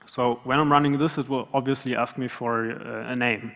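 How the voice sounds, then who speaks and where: This conference speaker's voice is mid-range, creaky and a bit bright, holding a steady tone at an ordinary pace. He fumbles through a live coding demo with frequent fillers and false starts, his words echoing with long reverb across a large conference room.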